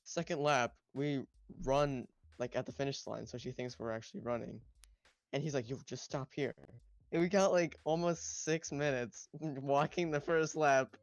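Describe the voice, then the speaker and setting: A man's voice: mid-range voice, steady tone, moderate pace, no echo, dull audio. A teenage boy co-hosting a podcast, telling a laid-back, mumbly story in casual chat. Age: teens. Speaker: podcast co-host.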